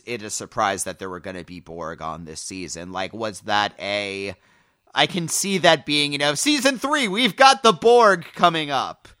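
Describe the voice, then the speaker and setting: A man co-hosting a casual podcast, making quick joking asides. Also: mid-range voice, dry recording. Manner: lively, jokey asides. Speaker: podcast co-host.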